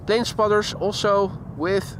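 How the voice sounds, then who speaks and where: Speaking slowly in a high-pitched voice with fairly even intonation, a man hosts a casual outdoor live stream near an airport. He chats with viewers and greets them by name while faint traffic and voices carry in the background.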